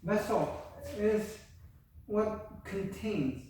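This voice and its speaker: An older man with a Korean accent lectures at a slow, halting pace, full of fillers and restarts. His voice sits high for a man. He sounds distant from the mic, in a strongly echoing room with faint ambience. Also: lively intonation, a little mellow, slight background noise. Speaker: university lecturer. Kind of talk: classroom lecture. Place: university classroom.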